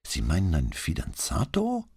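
A male reader voicing a quiet, grieving young female student who answers softly and hesitantly. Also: extremely low pitch, animated, normal speed, slightly rough, heavily acted. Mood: subdued. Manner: soft, barely audible, hesitant.

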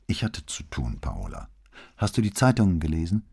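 Brief: shaken, quiet commissioner, read by a man with a dark, husky voice. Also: low voice, wildly swooping pitch, normal speed, heavily acted. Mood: subdued. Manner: subdued, downplaying. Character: weary, shaken middle-aged police commissioner. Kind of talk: audiobook dialogue.

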